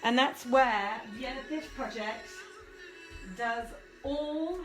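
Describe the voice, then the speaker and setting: In a rough recording, a woman with a high-sitting voice speaks slowly as she hosts a live online reading from a home room with a desk and piano. Soft music plays behind her as she chats, mutters to herself and sounds apologetic.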